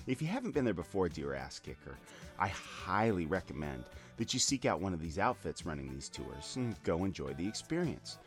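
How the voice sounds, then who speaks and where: Deep, lively male host over music. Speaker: show host. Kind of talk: scripted first-person narration.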